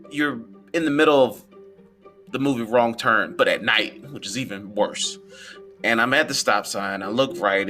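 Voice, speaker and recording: A man telling a story on his podcast in a casual, animated way, acting out the people he quotes. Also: mid-range voice.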